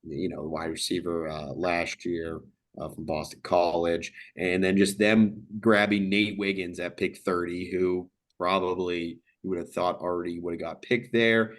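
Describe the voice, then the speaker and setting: A man's voice: low-pitched, little pitch movement. A man co-hosting a sports podcast, talking casually and stumbling over words with plenty of fillers. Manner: halting, searching for words with many fillers. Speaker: podcast co-host.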